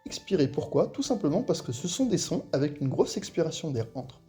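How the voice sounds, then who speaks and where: Language teacher for a beginner lesson, animated pitch, patient and clear, over faint music. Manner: patient, repeats sounds slowly for the listener to copy.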